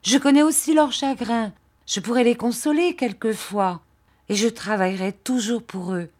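A woman's voice: on the high side, moderate pace, darkish tone, close to an everyday voice. A tearful, imploring aging widow, as a woman reader puts her on. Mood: pleading. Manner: imploring, emotional.

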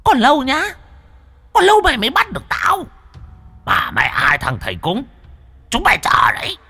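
A man's voice: very high voice, wildly swooping pitch, normal speed, pushed and bright, breathy edge, pitched above the performer's own voice, exaggerated voice. A man voicing a spiteful, cowardly ghost that shrieks, stammers and begs. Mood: taunting.

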